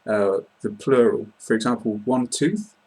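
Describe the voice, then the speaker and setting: His voice is mid-range, a little slow, slightly mellow and slightly rough. He's a British man in his twenties, an English teacher hosting a casual interview chat with polite explanations, recorded on a laptop webcam inside a small room.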